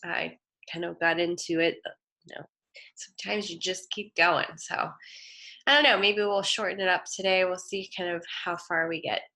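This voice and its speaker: This design instructor's voice is on the low side, pushed and bright, at normal speed. Teaching a live online design lecture with a screen demo while nursing a head cold, she sounds nasal and sniffly and keeps things casual and chatty, full of fillers and self-corrections.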